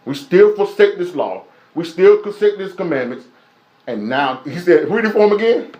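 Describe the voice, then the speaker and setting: Man, preacher, high voice, emphatic repetitive delivery, echoey room. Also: sing-song, normal speed, dull audio. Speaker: preacher teaching a Bible lesson. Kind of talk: live-streamed sermon.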